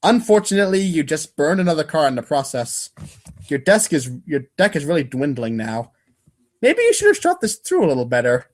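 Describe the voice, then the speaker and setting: With a voice on the high side, wildly swooping pitch, and a brisk pace, a man gives a dramatic reading of webcomic narration. He reads the readers' theater script wryly, occasionally stumbling on the words.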